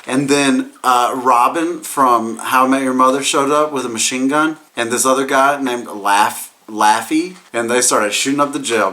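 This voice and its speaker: A man's voice: mid-range voice, sharp tone, slight background noise. A man who sounds drunk, giving a casual comedic movie recap as a reviewer, rambling, repeating himself and losing his thread.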